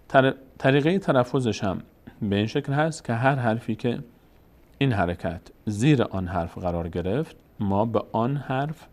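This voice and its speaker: A man with a Tajik accent teaching Quran reading in a recorded lesson. He speaks slowly and patiently, drawing out each sound and repeating it. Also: on the low side, a little mellow.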